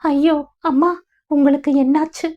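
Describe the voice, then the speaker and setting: A woman's voice: on the high side, steady tone, a little slow, lo-fi sound, pitched above the performer's own voice, lightly acted. A woman playing an anxious young mother. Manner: anxious, soothing, comforting.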